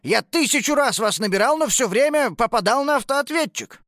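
A woman's voice: on the high side, animated, brisk, fairly bright tone, no echo, studio quality, pitched above the performer's own voice. A woman playing a fretful old grandpa. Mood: flustered. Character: fretful kindly grandfather, older man.

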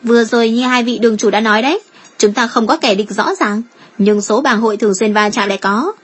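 A woman voicing an eager young female guild member with brisk, persuasive talk. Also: fairly high pitch, husky, soft background music.

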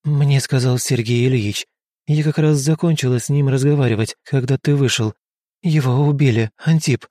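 A man voicing an anxious young baroness who speaks softly and pleadingly. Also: medium pitch, normal speed, dry recording, clean studio sound, natural voice. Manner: soft, pleading.

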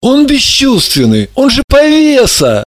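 Отчаявшийся молодой мужчина, над которым висит проклятие, его читает мужчина-чтец. Говорит умоляюще и надрывно, голос высокий, интонации резко скачут. Звучит неторопливо, как в аудиокниге. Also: male voice, extremely high pitch, wildly swooping pitch, measured pace, voice pushed up, full character voice. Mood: anguished. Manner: pleading, despairing. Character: anguished young man cursed in love. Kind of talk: audiobook character reading.

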